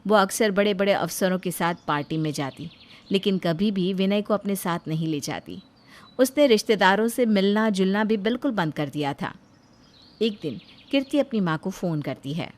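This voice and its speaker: A woman narrating a moral story in a steady, plain storytelling manner. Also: medium pitch, normal speed.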